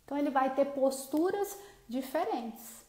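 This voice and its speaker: A Brazilian woman in her thirties talks to her viewers about raising children. She keeps it chatty and keeps checking that they are following along. Her voice sits high, and the room around her gives it a noticeable echo. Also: lively intonation, moderate pace. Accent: Brazilian Portuguese. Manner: chatty, warm, often asks viewers for agreement. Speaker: parenting vlogger. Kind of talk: casual advice talk to viewers. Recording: roomy echo.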